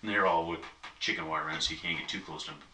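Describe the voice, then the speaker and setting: A man's voice: rumbling low, fairly even intonation, racing, pushed and bright. A man in casual chat, telling a long, easygoing story with many asides. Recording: echoey room, mic at a distance, faint noise.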